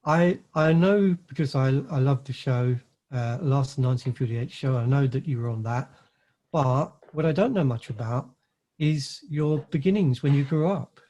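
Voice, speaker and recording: Male interviewer, mid-pitched, hesitant delivery. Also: moderate pace, dark tone, dull audio. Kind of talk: interview questions.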